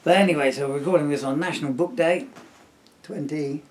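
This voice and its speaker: A father reads a children's story aloud in a playful, jokey, self-teasing way, dropping in chatty asides. His voice is a little high and a little fast, and clear background noise is audible in the recording.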